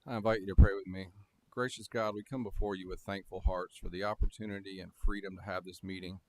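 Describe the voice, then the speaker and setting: A man's voice: low-pitched, level tone, fast, a little mellow, rough recording. A man leading a formal public prayer in reverent, set phrases. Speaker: fire chief leading a prayer. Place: town council meeting room.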